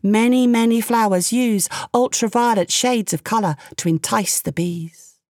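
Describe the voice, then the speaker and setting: A woman narrating a fairy tale with expressive, playful storytelling and the odd aside. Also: fairly high pitch, a little slow, no echo, clean studio sound.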